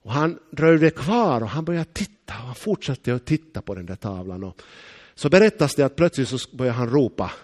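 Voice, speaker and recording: A man from eastern Uusimaa preaching in a Finland-Swedish accent, with a voice of ordinary middle pitch. He delivers a storytelling sermon to his congregation. He leans hard on his key phrases and draws them out slowly. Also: big pitch swings, a little mellow.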